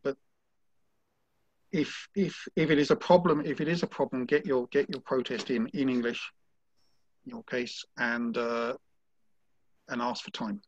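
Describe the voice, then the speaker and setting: A man who is a sailing judge, speaking haltingly with many restarts on an online panel call. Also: medium pitch, fairly even intonation, dry recording. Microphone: video call. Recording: dull lo-fi video call audio.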